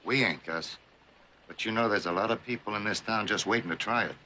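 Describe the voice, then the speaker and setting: A deep, bright-edged male voice over faint noise plays an opportunist in a western. He is folksy and wheedling, reassuring in a way that is not sincere. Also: brisk. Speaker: actor in a TV western. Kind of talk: TV western drama acting.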